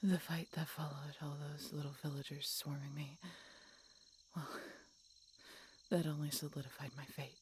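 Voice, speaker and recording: In this dramatic audio roleplay addressed to the listener, an actress plays a mortally wounded she-dragon centuries old, tender and resigned as she dies. The female voice is low, breathy and whispery, darkish in tone with little pitch movement, natural, and the recording is slightly noisy. Weak and in pain, she speaks in a halting, weakened way full of dramatic pauses, and the mood is grave and pained.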